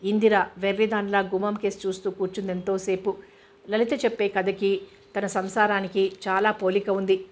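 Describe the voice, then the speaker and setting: Woman narrator, novel reading, flat delivery with little pitch movement. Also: moderate pace. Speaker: audiobook narrator.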